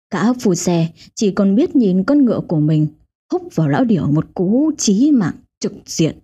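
Woman, ghost story narrator, dramatic telling, lively pitch, dull lo-fi audio. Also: slightly rough. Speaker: storyteller host. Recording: dull lo-fi audio with faint music.

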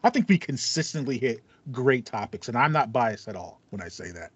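Animated and a bit quick, this thirties-aged American co-host has a medium pitch with a breathy edge. He banters in a slangy, playful way on a laid-back gaming podcast. The foam-treated little home room gives a dry, somewhat dull recording.

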